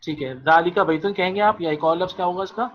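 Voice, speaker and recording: A man's voice: sits high, dull audio. A male Arabic teacher giving an online class. He repeats phrases patiently and calls on students by name.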